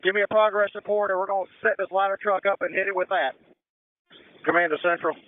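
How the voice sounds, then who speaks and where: A man working as fire incident commander, giving brisk, procedural orders over a two-way radio. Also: high-pitched, fairly even intonation. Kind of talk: emergency radio dispatch commands. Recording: narrow-band fire radio transmission.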